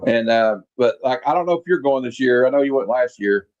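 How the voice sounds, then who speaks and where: A man's voice: mid-range voice, lively intonation, a little fast, lo-fi sound. A man in his late forties hosting a casual chat, reminiscing at length with lots of fillers. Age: 40s. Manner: rambling, reminiscing with many fillers. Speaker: podcast host.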